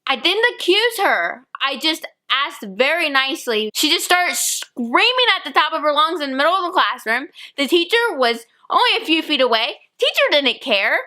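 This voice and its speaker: A young woman recounts a school story for her vlog. Her voice sits high and sounds bright and forward. She slips into quoted lines as she tells it. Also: normal speed, few pauses. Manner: animated retelling with acted-out quotes. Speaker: vlogger.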